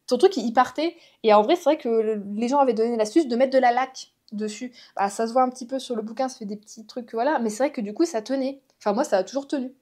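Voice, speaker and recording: Chatty woman vlogger with a mellow voice. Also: fairly high pitch. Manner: rambling, full of fillers and restarts; chatty, addresses viewers directly. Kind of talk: casual chat vlog.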